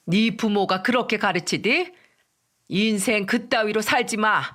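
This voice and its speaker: An older mother-in-law yells and points blame in a storytelling radio drama, voiced by a woman. Her voice sits at a middle pitch, loud and accusing throughout. The delivery is hot-tempered and scolding. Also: a little slow, close to an everyday voice. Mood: furious. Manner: shouting, accusing.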